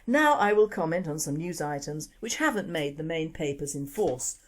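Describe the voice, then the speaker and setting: A woman's voice: low-pitched, animated, normal speed. A woman with a posh English accent presenting a news podcast, reading from a script with dry, wry asides. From England.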